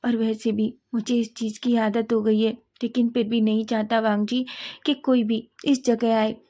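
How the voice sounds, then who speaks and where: A woman's voice: a little high, little pitch movement, moderate pace, dark tone. A woman narrating a fan story aloud, reading all the dialogue in her own voice.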